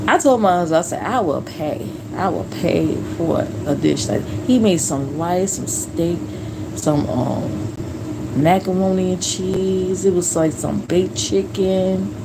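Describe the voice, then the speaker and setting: A middle-aged woman streamer telling stories in a blunt, profane, fired-up casual rant. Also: lowish voice. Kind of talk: casual ranting chat. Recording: steady background noise.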